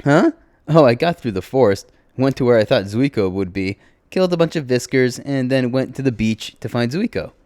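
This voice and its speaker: A man voicing a cheerful, clueless, playful young woman who talks in a bubbly, excitable way. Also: on the low side, normal speed, no echo, studio quality, natural voice. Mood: breezy.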